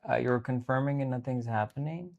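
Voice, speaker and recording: A man with a gravelly, creaky voice co-hosts a live stream. He throws in dry jokes and teasing remarks from the side. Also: medium pitch, brisk, a little mellow, muffled recording. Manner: joking, teasing asides. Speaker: co-host. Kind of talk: casual banter on a live stream.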